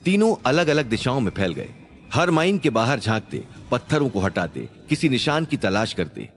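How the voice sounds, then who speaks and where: A man's voice: mid-range voice, sing-song, normal speed, slight background noise. A man narrating a suspense story in a scripted, dramatic storytelling manner.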